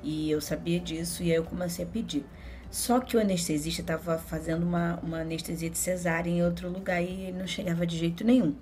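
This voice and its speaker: A young woman with a Brazilian Portuguese accent tells a personal story straight to her viewers in a relaxed, chatty way. Her voice sits a little low, and she laughs easily and slips into the voices of the people she quotes. Faint noise hums behind her. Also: fairly quick. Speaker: vlogger.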